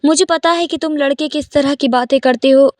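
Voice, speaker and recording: A middle-aged aunt who scolds gently and teases with affection, voiced by a woman in her own high voice. The sound is close and dry, with no room around it. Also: fairly even intonation, dry recording, natural voice. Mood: affectionate.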